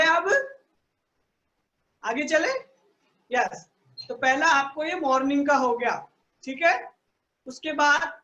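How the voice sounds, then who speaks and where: A woman with a high voice teaches children over an online call, taking her time with each point. She keeps checking that they follow along. The audio is echoey and dull. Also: bright, forceful tone. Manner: patient, explains slowly, asks "ठीक है ना" again and again. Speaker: teacher of a children's values class. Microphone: online video call.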